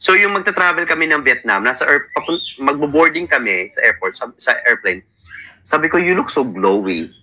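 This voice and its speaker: Fairly high-pitched, expressive, pushed and bright, this Filipino-accented man in his thirties talks fairly quickly on a rough recording. He's an interview guest sharing his life story in a casual chat, sounding sleepy while mixing Tagalog and English and constantly quoting what people said, himself included.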